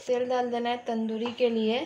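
A woman's voice: a little high, completely flat delivery, moderate pace, highs cut off, noisy background. A woman hosting a home cooking video, chatting casually as she goes through the ingredients step by step in her kitchen. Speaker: cooking channel host.

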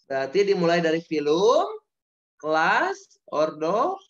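In slow speech with huge pitch swings, a slightly high-voiced Indonesian male teacher leads an online science class. He keeps drilling the key terms and quizzing his students, and the audio is dull and lo-fi, like a video call.

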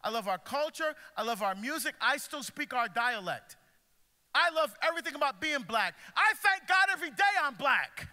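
A middle-aged man from Barbados, a deacon, preaching with animated, emphatic energy to a school audience. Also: extremely high pitch, moderate pace. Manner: animated, emphatic, moves around the stage. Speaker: deacon speaker. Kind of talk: passionate preaching talk. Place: large school pavilion, indoors. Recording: long hall reverb.

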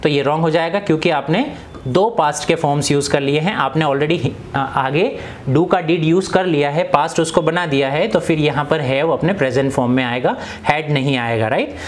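A young man teaching an English grammar lesson in Hindi. He often asks the class questions and repeats each example sentence slowly. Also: on the high side, a little hiss or hum.

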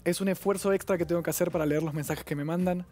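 A young man in his twenties with a Rioplatense accent, speaking as a guest on a TV talk show. He talks quickly and earnestly, in a slightly high but dark, mellow voice. Faint music plays behind him. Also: fairly even intonation. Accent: Rioplatense Spanish. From Argentina. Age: 20s. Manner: earnest, rapid, reflective. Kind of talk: personal account on a TV talk show.

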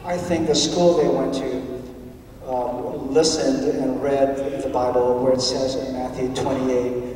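In a large church sanctuary, a man tells the children a story, asking them questions along the way. His mid-range voice is warm and even-pitched at a measured pace, picked up from far off in the echoey hall with a little hiss or hum.

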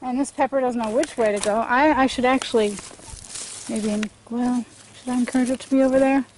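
Holding the camera at arm's length, this middle-aged woman strolls her sunny homestead garden and muses aloud in a relaxed vlog, full of fillers and false starts. She talks briskly in a somewhat high, slightly mellow voice with fairly even intonation and a congested throat, over slight background noise.

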